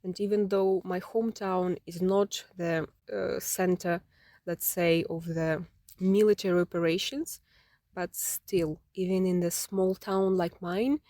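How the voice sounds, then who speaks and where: A woman's voice: on the low side, steady tone, unhurried, mellow, no echo, studio quality. A Ukrainian woman in her thirties, from Ukraine, telling her life story as an interview guest in a reflective way, with many fillers and restarts.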